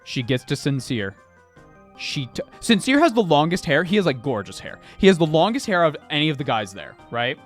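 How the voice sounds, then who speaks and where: Animated, swearing man chatting while painting. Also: fairly high pitch, brisk, soft background music. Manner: animated, swearing recap with sudden loud bursts. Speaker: streamer painting miniatures. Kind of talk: casual chat while painting.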